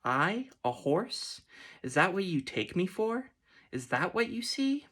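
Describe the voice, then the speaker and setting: A man voicing a proud, ancient female unicorn with a haughty, lofty manner, in a soft whispered role-play. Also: mid-range voice, moderate pace. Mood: indignant. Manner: indignant, lofty.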